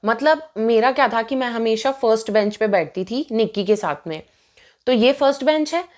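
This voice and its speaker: Speaking to camera, a woman in her twenties casually recounts a personal story, chatty and indignant. Her voice is on the high side, and she switches between Hindi and English mid-sentence.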